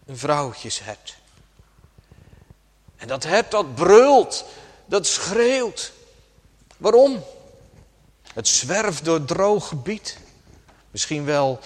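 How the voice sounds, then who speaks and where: A man preaching a sermon slowly and dramatically, dropping suddenly to a hush at times. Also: on the high side, big pitch swings. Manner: slow, dramatic preaching with sudden soft drops. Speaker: pastor. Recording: long church reverb.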